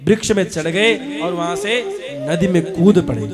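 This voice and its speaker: A man narrating a devotional story in an animated way, acting out the characters' words. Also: high voice, normal speed.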